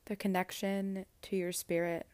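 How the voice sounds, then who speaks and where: A woman guiding a meditation in a slow, soft, soothing voice with long pauses. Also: mid-range voice, level tone, smooth, dry recording. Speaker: meditation guide. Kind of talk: guided meditation.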